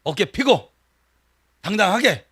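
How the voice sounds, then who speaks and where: A man preaching a sermon as pastor, animated and talking straight to the congregation, acting out everyday voices as he goes. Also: high-pitched, unhurried, slight background noise. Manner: animated, acts out quoted voices, talks to the congregation directly. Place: church sanctuary.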